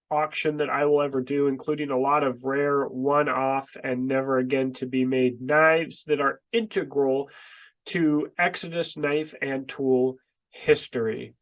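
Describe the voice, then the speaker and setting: A man with a stuffy, congested nose and short breath, talking to camera in a halting, emphatic way as a channel host, close to the microphone. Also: mid-range voice, fairly even intonation, poor audio. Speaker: online video channel host, small business owner. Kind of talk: casual vlog monologue to camera. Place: indoors in a basement workroom. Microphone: microphone close in front of the face.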